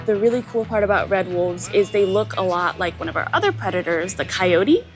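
A young woman from Virginia, a zookeeper explaining her work in an interview, friendly and a bit halting. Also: mid-range voice, animated, soft background music. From Virginia, USA.

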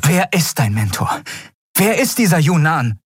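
A man's voice: mid-range voice, lively intonation, moderate pace, husky, dry recording, studio quality, pitched above the performer's own voice. A man voicing a stern young woman ship captain who questions a captive in terse, demanding lines. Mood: threatening.

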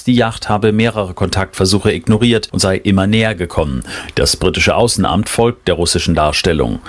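A man giving a scripted news report as a foreign correspondent, formal and steady. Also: low voice.

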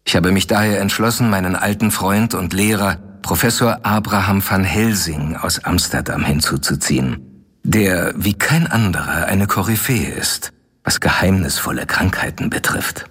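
A man's voice: low voice, moderate pace, fairly bright tone, slightly rough. An actor playing Doctor Seward, a devoted young physician, reading his letter and talking in a radio play. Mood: earnest. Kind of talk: radio play acting and narration.

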